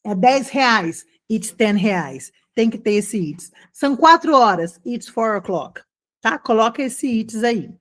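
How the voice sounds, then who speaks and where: Chatty higher-pitched woman teaching. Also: lively intonation, a bit bright. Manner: chatty, encouraging, drawn-out slow model phrases. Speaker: English teacher. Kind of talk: casual online English lesson.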